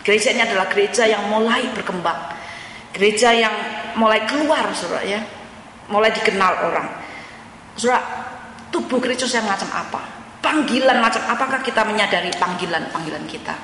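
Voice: medium pitch, fairly quick, sharp tone, a little hiss or hum. A pastor preaching a sermon as a story, addressing the congregation over and over and dropping in English words. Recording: echoey church hall with long reverb.

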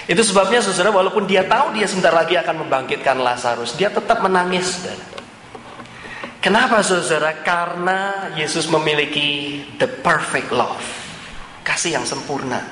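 A man's voice: sits high, moderate pace, pushed and bright, slight background noise. A man preaching a sermon, often turning to his listeners with repeated rhetorical questions. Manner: keeps addressing listeners as "brother", asks repeated rhetorical questions. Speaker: pastor. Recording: echoey hall with long reverb, faint room ambience.

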